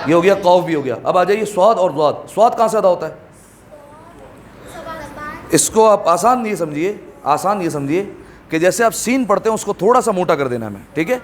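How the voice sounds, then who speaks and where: High-voiced man drilling Arabic pronunciation. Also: animated, a faint crowd, slight background noise. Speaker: Quran recitation teacher. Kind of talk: classroom tajweed lesson. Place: classroom with students.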